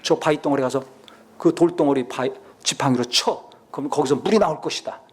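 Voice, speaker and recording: A man's voice: on the high side, fairly quick, breathy edge, pitched below the performer's own voice. A man voicing God giving blunt, commanding orders to his servant.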